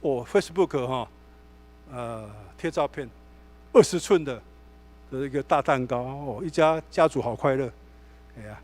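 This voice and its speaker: A male pastor with a Taiwanese Mandarin accent preaches a sermon in a church sanctuary. His voice is medium-pitched and measured, with long pauses. He tells stories in an animated way, acting out the dialogue.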